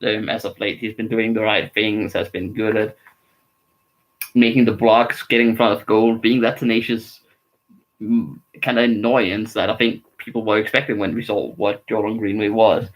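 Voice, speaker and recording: A man's voice: on the low side, little pitch movement, moderate pace, low-quality recording. A man from Denmark, giving casual, rambling live reaction commentary on a hockey game and grumbling about his team's play. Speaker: streamer.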